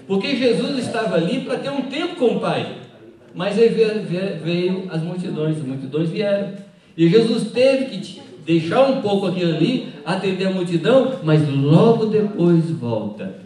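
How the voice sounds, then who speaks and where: A man's voice: sits high, darkish tone. A man preaching a sermon to a conference of pastors, emphatic and asking the listeners questions directly. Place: large hall at a pastors' conference. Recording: echoey hall, voice from far off.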